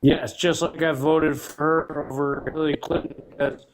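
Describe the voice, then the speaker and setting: A man's voice: on the high side, level tone, moderate pace, noisy background. A man in his thirties calling into a livestream, talking in a hesitant, rambling way while his call audio keeps breaking up and cutting out. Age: 30s. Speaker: caller on a livestream. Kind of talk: casual debate on a call. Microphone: online voice call.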